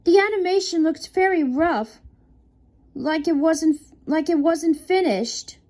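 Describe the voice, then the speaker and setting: A woman narrating a horror story in a halting way, with frequent restarts. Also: extremely high pitch, warm tone. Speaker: creepypasta narrator. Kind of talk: unscripted horror story reading.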